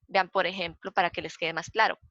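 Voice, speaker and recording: This woman, a librarian leading a citation training session, speaks with a Costa Rican accent in a lowish, slightly bright voice with little pitch movement. She walks through slides patiently, going over points again and counting slowly out loud. The lo-fi recording is dull and dry, with no room sound.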